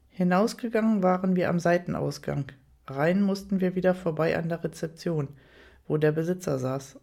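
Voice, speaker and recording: A woman narrating a first-person audiobook story at an even storytelling pace, with light, amused touches. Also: lowish voice, creaky.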